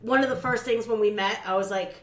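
A woman's voice: medium pitch, fairly even intonation, fairly quick. A woman chatting casually, talking bluntly and swearing freely. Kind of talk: casual chat. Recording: echoey room, far from mic, crowd.

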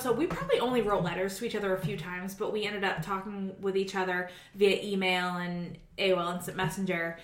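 A woman's voice: medium pitch, fairly bright tone. Woman, forties, from New England, chatty, rambling, echoey room, faint hiss. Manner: chatty, rambling storyteller with many fillers. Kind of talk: casual chat.

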